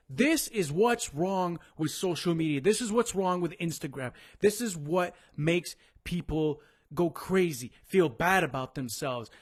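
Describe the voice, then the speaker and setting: A male sports show host with a fairly high voice, ranting and swearing as he mocks athletes. His delivery is casual, crude and full of sarcasm. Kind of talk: casual live sports rant.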